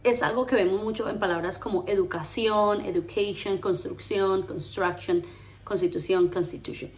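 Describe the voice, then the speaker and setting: A woman teaching a pronunciation lesson, lively, drilling words slowly and repeating them. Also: medium pitch. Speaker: English teacher.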